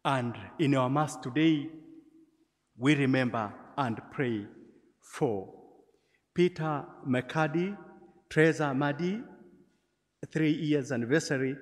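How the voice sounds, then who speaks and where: A man in his forties with a Tanzanian accent, a priest leading Mass, his voice carrying a cathedral echo. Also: fairly high pitch. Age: 40s. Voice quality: echoing cathedral sound. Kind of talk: leading Mass, greeting and prayers. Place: large stone church, before a congregation. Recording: long echoing church reverb.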